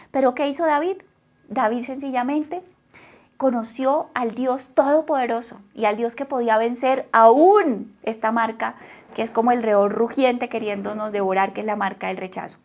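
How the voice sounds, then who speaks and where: A woman with a high voice preaching a sermon. She speaks with emphasis, repeats phrases in runs and keeps asking her listeners questions, then drops to a soft hush on tender points. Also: normal speed. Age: adult mother.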